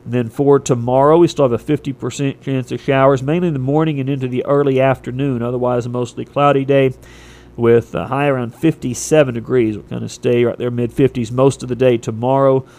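A man's voice: medium pitch, steady tone, brisk, darkish tone. American man reading local radio sports and weather. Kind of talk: radio sports and weather report, read from copy.

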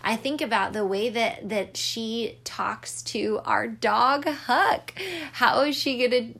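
A woman's voice: on the high side, takes it slowly, gravelly, a bit bright. Earnest young mother giving a devotional. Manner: earnest and reflective, with light humor. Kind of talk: devotional talk.

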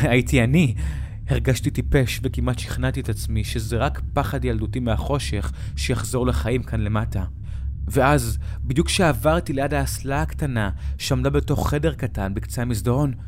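A man narrating a horror story, dramatic and slowing down at the frightening moments. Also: medium pitch, a little mellow, slight background noise. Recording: narration over music.

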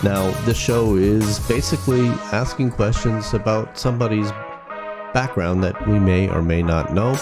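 Male host, deep voice, mellow, hesitant, faint music behind. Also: moderate pace. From England. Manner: hesitant, with many um and uh fillers. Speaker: talk show host. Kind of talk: casual interview chat.

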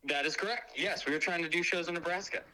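Comedian guest, male, calling in on speakerphone, slightly high, bright and sharp-edged, easygoing jokes. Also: quick pace, rough recording. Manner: laid-back, joking. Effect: heard over a phone on speakerphone. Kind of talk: casual phone chat.

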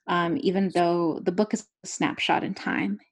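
A young adult woman who is an author talks candidly and rambles, full of filler words and laughing asides. Her voice is on the low side, with fairly even intonation and normal speed.

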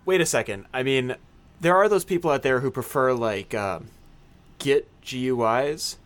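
A man of ordinary middle pitch co-hosting a casual tech podcast. He drops dry, teasing remarks between questions. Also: normal speed, fairly bright tone. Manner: joking, teasing. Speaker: podcast co-host. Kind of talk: casual conversation.

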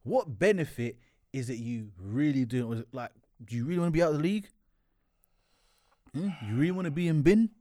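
A man's voice: fairly high pitch, lively intonation, brisk, mellow, no echo, clean studio sound. A young man with an urban London roadman accent chatting casually about sport as a podcast co-host, ranting in slang and repeating himself in exasperation.

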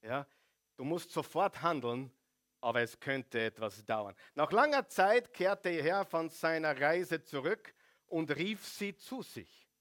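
A man's voice: fairly high pitch, a bit bright. A man preaching a sermon, animating the congregation with rhetorical questions. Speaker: pastor.

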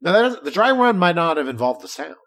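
Male podcast co-host, casual storyteller, swooping and expressive intonation, chatty and loose. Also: on the high side, quick pace. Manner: animated storytelling with frequent restarts. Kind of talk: casual chat.

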